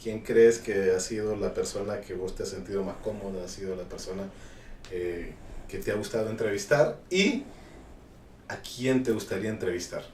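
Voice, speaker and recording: A man, a podcast host asking relaxed questions and giving brief backchannels. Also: fairly low pitch, moderate pace, far from the mic, a little hiss or hum. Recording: roomy, off-mic, faint ambience.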